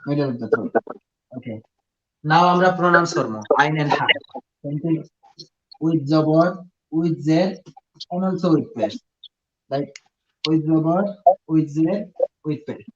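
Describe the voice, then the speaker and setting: A man's voice: a little high, extremely slow, long pauses. Sylheti man teaching over a dull call. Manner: patient, drills sounds for repetition, mixes English in. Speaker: Quran teacher. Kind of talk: live online recitation lesson. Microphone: video call. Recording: dull lo-fi video call audio.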